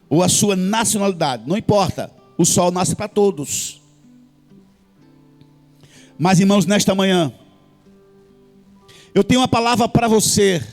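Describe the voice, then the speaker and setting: A man preaching a sermon in church with a Brazilian Portuguese accent, impassioned and sing-song, with frequent hallelujahs. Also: sits high. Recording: faint music behind.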